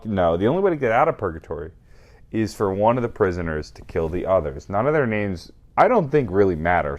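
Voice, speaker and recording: A man's voice: lowish voice, a little mellow. A very drunk man rambling through a casual comedic retelling as host, emphatic and profane, often losing track and correcting himself. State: very drunk, burping. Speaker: host retelling a video game storyline.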